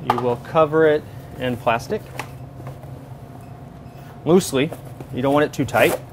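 In a large professional kitchen, a man in his thirties explains recipes one step after another at a medium pitch and a slightly slow pace. His lapel mic captures background noise during this steady cooking demonstration.

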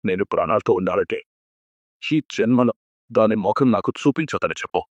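A man's voice: a little fast, dry recording, close to an everyday voice. An actor playing a bitter, unforgiving father who coldly disowns his daughter over the phone in a TV serial. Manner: cold, bitter, low. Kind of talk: TV serial acting. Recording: dull lo-fi dry sound.

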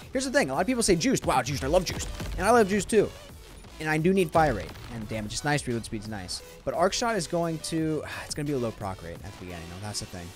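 A young man giving casual gameplay commentary, thinking out loud and correcting himself as he goes. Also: medium pitch. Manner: chatty, thinks aloud, self-correcting. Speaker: gaming YouTuber. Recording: music playing underneath.

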